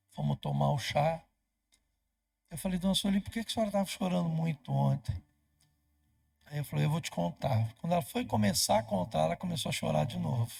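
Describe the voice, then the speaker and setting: Gravelly Brazilian pastor telling stories. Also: male voice, fairly high pitch. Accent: Brazilian Portuguese. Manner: animated storyteller acting out quoted dialogue. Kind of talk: storytelling sermon. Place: church.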